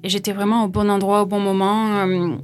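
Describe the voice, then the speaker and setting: A woman in her thirties from France talks through her career as a guest. Her speech is casual and full of fillers and restarts, at a middle pitch. She laughs easily between thoughts. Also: level tone, fairly quick. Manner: chatty, hesitant with many fillers, laughs easily. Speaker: interview guest, actress. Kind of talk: casual conversational interview.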